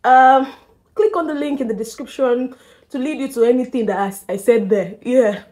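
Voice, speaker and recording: A woman's voice: sits high, moderate pace, a little mellow. A young woman vlogging to camera in a chatty, emphatic way, laughing often, a little nervous and slightly out of breath. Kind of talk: casual talk to camera.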